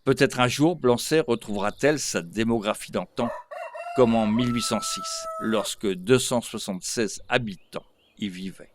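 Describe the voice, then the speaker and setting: A man narrating a local news report in a measured, scripted reading. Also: on the low side, noisy background. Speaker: voice-over reporter.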